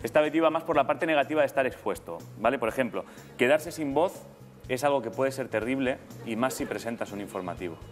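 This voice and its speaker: A man's voice: medium pitch, animated, fast talker. A man in his thirties with an accent from Spain, casually presenting as a TV show host in a studio. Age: 30s. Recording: loud music and audience behind.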